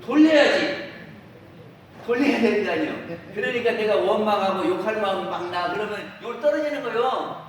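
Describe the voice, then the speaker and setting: A man's voice: high voice, lively intonation, normal speed. A man who is a Won Buddhist minister, giving a dharma talk to a congregation and often turning to the listeners with questions or acting out everyday remarks. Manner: asks the listeners questions and acts out everyday quotes. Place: temple dharma hall. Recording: very echoey hall, voice from far off, faint hiss.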